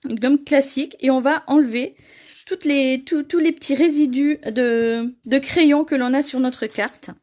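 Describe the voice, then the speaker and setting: A woman's voice: sits high, measured pace, darkish tone. A woman hosting a live paper-craft tutorial, chatting with viewers and laughing often as she reads their comments.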